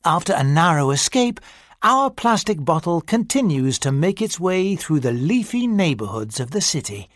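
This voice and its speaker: A narrator reading a mock-serious nature documentary script for a listening exercise, in a measured, scripted delivery. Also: medium pitch, big pitch swings, no room sound, clean studio sound.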